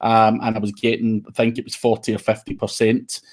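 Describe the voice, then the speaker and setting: A man's voice: on the low side, completely flat delivery, brisk. A man with a broad Scottish accent giving an informal online presentation in a blunt, plain-spoken way. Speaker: guest speaker, SEO consultant and trainer.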